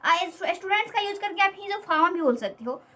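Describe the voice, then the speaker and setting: Very high-voiced woman teaching grammar. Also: expressive, sharp tone, recorded from a distance, rough recording. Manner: explains slowly, repeats words, asks quick check questions. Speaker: spoken English teacher. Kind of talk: whiteboard grammar lesson.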